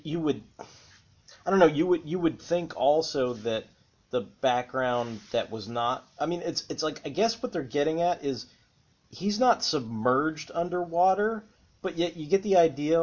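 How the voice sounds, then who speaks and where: Halting man thinking aloud, lo-fi sound. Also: on the high side. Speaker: podcast co-host. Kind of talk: casual fan chat. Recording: dull lo-fi audio.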